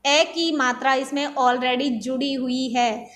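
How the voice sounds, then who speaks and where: A woman teaching an online class to young pupils, slow and patient, asking questions and then answering them herself. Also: high-pitched, steady tone, fairly bright tone. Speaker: primary school teacher. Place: Nagaur region, India.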